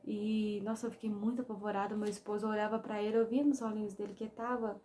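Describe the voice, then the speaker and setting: A woman's voice: mid-range voice, flat delivery, fast, warm tone. A young woman with a Brazilian Portuguese accent telling a personal testimony to her viewers in an emotional, storytelling way. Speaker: vlogger.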